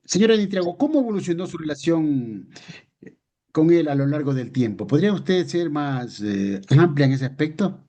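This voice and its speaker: Guy acting as a lawyer grilling a witness, formal but hesitant, mellow low voice. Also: lively intonation, moderate pace. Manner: formal, hesitant with filler sounds. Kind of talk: courtroom role-play, formal questioning.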